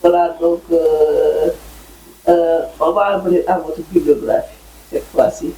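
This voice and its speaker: A man's voice: fairly high pitch, fairly even intonation, a little slow, vocal fry, roomy sound, noisy background. A man hosting an online interview who speaks formally, listing book titles and dates before asking his questions. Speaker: interview host.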